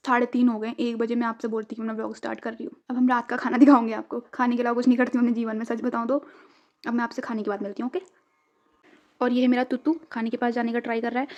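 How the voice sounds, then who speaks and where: In her home kitchen, a young Indian woman vlogger cooks while chatting casually with her viewers, cracking jokes at her own expense. She coaxes her cat in a high voice, and her own voice is darkish in tone on a lo-fi recording.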